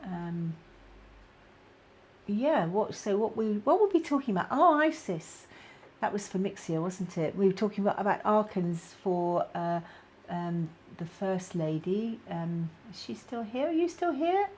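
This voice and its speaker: A middle-aged woman with a British accent hosting a casual live-stream chat, talking warmly to viewers with plenty of fillers. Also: medium pitch, animated, a little slow, a little hiss or hum. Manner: chatty, many fillers, reads out viewer comments. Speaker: spiritual guidance host.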